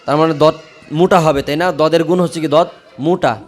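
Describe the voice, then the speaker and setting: Man teaching Quran recitation, chanting slowly. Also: a little high, steady tone. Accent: Bangladeshi Bengali. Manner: chants verses slowly and drawn out, then explains briskly with many checking questions. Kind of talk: classroom recitation lesson. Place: madrasa classroom.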